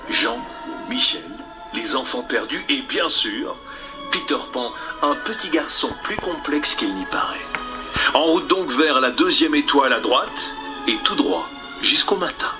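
A man narrating a fairy tale in a lively way, addressing the listener directly. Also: a little high. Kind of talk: storybook narration.

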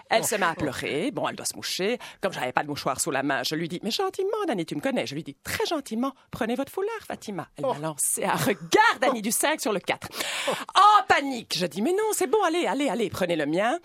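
A woman's voice: mid-range voice, fairly bright tone, slightly rough, no room sound, exaggerated voice. A woman comedian voicing a snobbish, chattering middle-aged housewife gossiping on the phone in a radio sketch. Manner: gossipy, prim, talking into a phone. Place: radio studio.

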